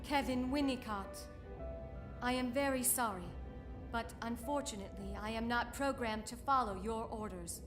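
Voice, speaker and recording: A woman voicing a calm female combat android who speaks in a smooth, even, formal way without emotion, in a game cutscene. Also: a little high, moderate pace, over music, close to an everyday voice. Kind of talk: video game cutscene voice acting.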